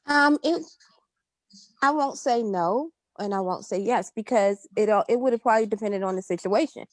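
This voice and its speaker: Candid woman, mid-pitched, very dry sound. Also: moderate pace, no echo. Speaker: panelist on a group call. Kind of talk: casual discussion. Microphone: group call.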